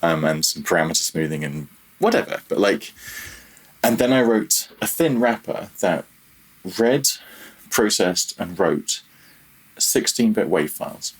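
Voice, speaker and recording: In a casual interview chat, a man who works as a freelance audio programmer speaks as a podcast guest. His deep voice is animated yet measured in pace and slightly rough, and the audio quality is poor. He is self-deprecating and phrases things somewhat hesitantly.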